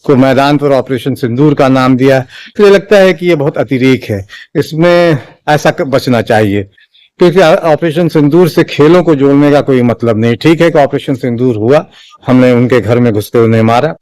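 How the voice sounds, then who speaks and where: A man giving a spoken opinion commentary in a measured, halting way, with frequent restarts and fillers. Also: medium pitch, a little mellow, no room sound. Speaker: political commentator.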